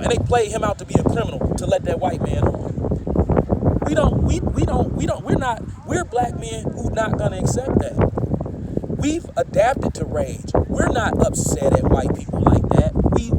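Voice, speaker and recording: Fiery high-voiced man preaching outdoors. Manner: fiery, rhetorical questions, profane. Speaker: street preacher. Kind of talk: heated street preaching to a passerby. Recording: loud wind noise on the mic.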